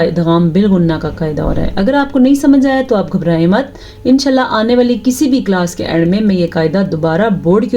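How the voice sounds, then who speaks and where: A woman teaching tajweed, explaining each rule patiently and checking her students follow, then reciting verses slowly in a drawn-out chant. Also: on the low side, mellow, lo-fi sound. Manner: explains rules patiently, asks "ٹھیک ہے؟" after each point.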